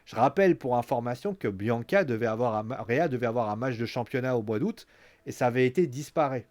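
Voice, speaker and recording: A young man giving casual spoken commentary on a wrestling show, recapping scenes and acting them out with quick exclamations. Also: mid-range voice, animated, a little mellow.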